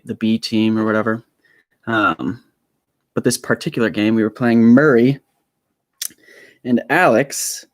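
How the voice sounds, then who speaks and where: Rambling nervously through a story with lots of fillers and false starts, a young man streams live from his home room studio on a small desk mic. His voice sits on the low side, and the sound carries no echo.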